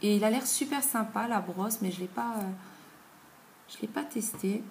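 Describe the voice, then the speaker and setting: In a casual review, a woman in her thirties who vlogs about beauty chats easily about products, often pausing on filler words. She has a middle-range voice, recorded on a camera mic at home in an echoey room with faint noise behind her.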